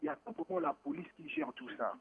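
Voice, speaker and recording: On a radio phone line, a caller born in Morocco rambles casually, restarting a lot and blending French with Lingala. He talks fast and very animatedly in a creaky, slightly rough voice that's a little high.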